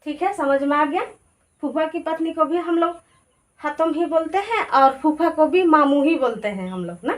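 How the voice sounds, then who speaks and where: A woman teaching a language lesson in a casual, chatty way, repeating each word pair slowly to drill it. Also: high-pitched, lively intonation.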